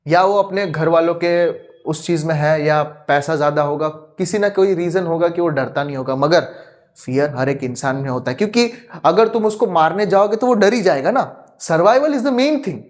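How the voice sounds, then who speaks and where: Earnest man with a high voice. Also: normal speed. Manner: earnest, repeats rhetorical questions, mixes english words. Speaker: youtube teacher. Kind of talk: spoken lecture.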